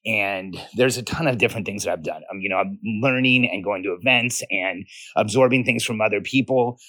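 A man in his forties talks casually from his backyard as a podcast host. His voice is fairly low and the sound is dry, with little echo. He is earnest and often repeats a phrase to drive it home. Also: brisk, bright, forceful tone. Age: 40s. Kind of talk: informal solo podcast monologue. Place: outdoors in a backyard by a pool.

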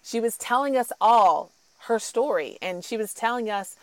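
A woman's voice: a little high, expressive, normal speed, no room sound. A woman hosting an interview, encouraging and upbeat as she speaks to the guest and to the audience. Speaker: podcast host.

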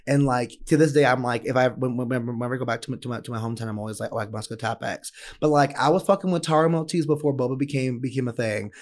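A man co-hosting a podcast, telling lively, profane stories in casual chat. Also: mid-range voice, very fast, hardly any pauses. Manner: animated, swearing, laughing storyteller. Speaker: podcast co-host.

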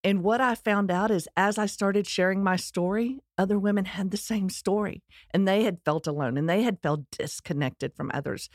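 A middle-aged woman with a Texan accent and a fairly low voice tells her own life story candidly and earnestly, adding bits of self-deprecating humor. The recording is studio quality with no echo.

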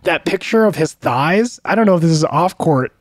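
A man's voice: a little high, expressive, moderate pace, no echo, clean studio sound. A man co-hosting a sports podcast in casual chat, rambling with lots of restarts. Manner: rambling, full of likes and restarts. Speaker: podcast co-host.

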